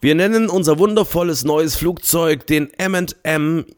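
A man's voice: a little high, normal speed, voice pushed up, lightly acted. A man voicing an eager, scheming arms salesman in an audiobook, talking hastily and keenly. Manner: hasty and eager.

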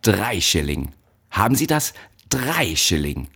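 A man voicing a brutal, bespectacled male factory overseer who shouts threats at child workers, in an audiobook. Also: low-pitched, big pitch swings, a little slow, slightly rough, exaggerated voice. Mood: barking. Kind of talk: audiobook narration.

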